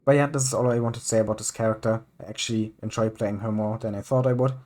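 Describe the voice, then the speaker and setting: A man's voice: fairly low pitch, steady tone, quick pace, darkish tone. A young man giving casual, rambling commentary over gameplay, full of ums and the odd swear word. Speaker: gaming YouTuber.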